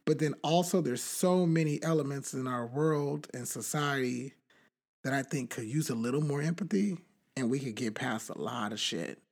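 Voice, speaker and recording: A young adult man co-hosting a podcast, talking in a rambling, animated way with many fillers and restarts. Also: mid-range voice, normal speed. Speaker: podcast co-host. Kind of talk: casual chat.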